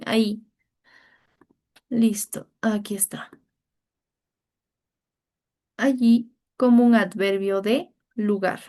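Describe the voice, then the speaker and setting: Patient teacher, a woman, slow and gravelly, calling on students in an online class. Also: a little high, darkish tone. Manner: patient, coaxing students by name.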